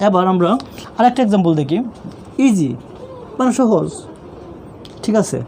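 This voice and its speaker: A male teacher whose warm, mellow voice sits high explains grammar expressively and at a normal speed during an online class, speaking with a Bangladeshi Bengali accent. He patiently repeats points, asking and answering his own questions, over a faint background hum of traffic.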